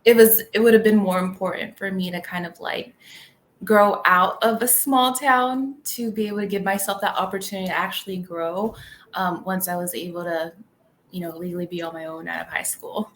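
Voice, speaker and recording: A young woman from California, whose first language was Tagalog, chats as a podcast guest in a casual interview, rambling heavily with "like" and "um." Her voice is lowish, her pace moderate, with slight background noise.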